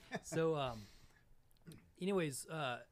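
A man's voice: on the high side, lively intonation, takes it slowly, a crowd in the background. A man in his thirties from Missouri, chatting casually as a podcast guest with a dry, sarcastic humor and plenty of fillers. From Springfield, Missouri, USA. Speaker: podcast guest, real estate investor. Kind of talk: casual interview chat.

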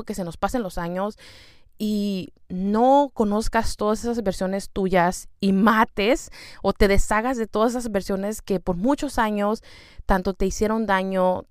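A young woman with a Mexican accent talks to her listener like a friend, casual and full of slang. Her voice is smooth and clear, with a mid pitch. It is recorded close and dry, with no room sound. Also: no room sound. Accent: Mexican Spanish. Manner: chatty, slangy, addresses listener directly. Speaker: podcast host. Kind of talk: casual self-help monologue.

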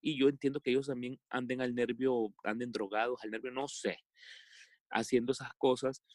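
A man from El Salvador with a Salvadoran accent, telling a personal story as a podcast guest in a halting way, with many fillers and restarts. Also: mid-range voice, little pitch movement, no room sound, clean studio sound. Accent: Salvadoran Spanish.

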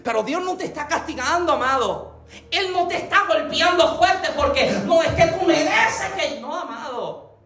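A man's voice: extremely high pitch, expressive, moderate pace, sharp tone. A Puerto Rican man preaching a sermon as pastor, emphatic and passionate, calling his listeners beloved. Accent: Puerto Rican Spanish. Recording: echoey room with faint background music.

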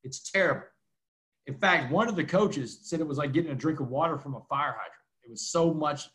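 A man in his forties from Texas, guesting on an interview as a motivational speaker. He races through his story with a slightly raised pitch and drops "man" into nearly every sentence. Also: fairly bright tone. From Texas, USA. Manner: fast talker, keeps saying "man".

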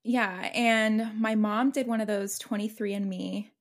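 A woman's voice: medium pitch, steady tone, unhurried. A chatty young woman co-hosting a casual podcast, with a mid-range voice. She tells personal stories with a few hesitant restarts. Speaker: podcast co-host, attorney. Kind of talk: casual chat.

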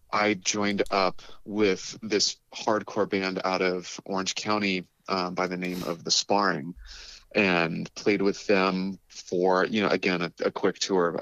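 A man's voice: deep voice, a bit bright, no room sound, dull audio. A man talking casually as a musician guest in an interview, telling stories in a rambling way and acting out quoted dialogue.

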